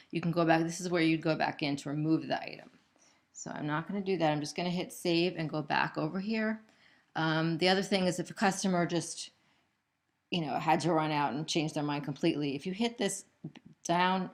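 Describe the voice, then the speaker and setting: Low, creaky-voiced woman narrating corporate training. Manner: patient, methodical, explanatory, unscripted. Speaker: trainer for gallery sales staff. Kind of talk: corporate training video, step-by-step instructional narration.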